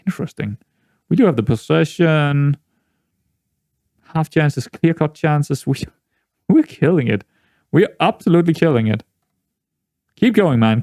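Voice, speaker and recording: Playing a football management game, a young Danish-accented YouTuber who speaks Danish natively rambles casually, with lots of restarts and sudden excited outbursts. His pitch is fairly high, captured in studio quality with no room sound.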